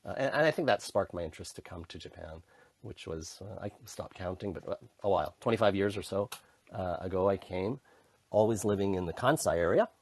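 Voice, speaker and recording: Low husky Canadian man. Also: brisk. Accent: Canadian English. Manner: relaxed storytelling, frequent restarts. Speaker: podcast guest, intercultural communication consultant. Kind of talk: casual conversational interview.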